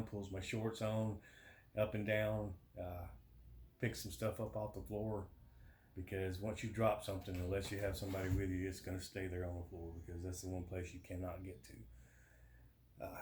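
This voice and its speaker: A man's voice: sits low, darkish tone. A man chatting casually to camera in a plain-spoken, matter-of-fact way, as in a personal vlog update. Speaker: vlogger giving a surgery recovery update. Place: indoors at home. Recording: roomy home echo with faint noise.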